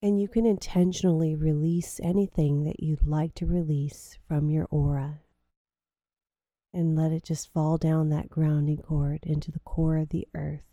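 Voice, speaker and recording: A woman leads a meditation in a low, deeply mellow, level voice, drawing out each phrase slowly and softly in a soothing way. The recording is dry and close, with no room sound.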